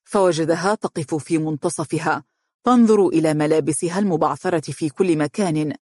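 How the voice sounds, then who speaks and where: Egyptian narrator reading a novel, steady formal delivery, dry close sound. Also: mid-range voice, no echo. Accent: Egyptian Arabic.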